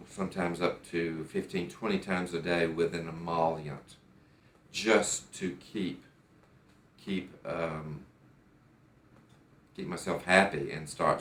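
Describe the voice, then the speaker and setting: Recorded in a noticeably echoey doctor's office, an American patient with a very low, fairly bright voice shares his testimonial. His delivery is careful and deliberate, and he keeps looping back to begin a thought again.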